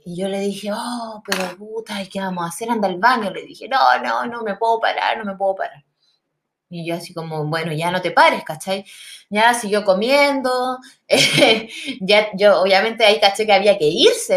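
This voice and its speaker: A young woman with a Chilean accent, telling a story on her podcast in an animated, slangy way. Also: fairly high pitch. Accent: Chilean Spanish. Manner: animated, slangy, breaks into laughter. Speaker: podcast host. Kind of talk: casual storytelling.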